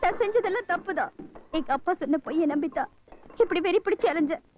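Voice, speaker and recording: Repentant young wife. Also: female voice, extremely high pitch, lively intonation, fast. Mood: pleading. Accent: Tamil. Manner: tearful pleading. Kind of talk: Tamil film melodrama. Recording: dull film audio with loud music.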